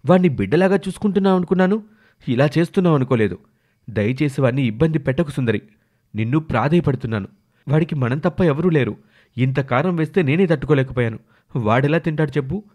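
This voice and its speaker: A man's voice: on the high side, expressive, fast talker, darkish tone. A man voicing a loving elder brother who pleads with and reproaches his wife in a cartoon story. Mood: anguished.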